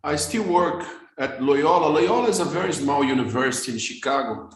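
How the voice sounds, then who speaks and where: A vascular surgeon with a Brazilian Portuguese accent lectures quickly in English, not his first language, during a webinar, often repeating words as he restarts. His voice is fairly high and expressive, and the low-quality recording sounds roomy.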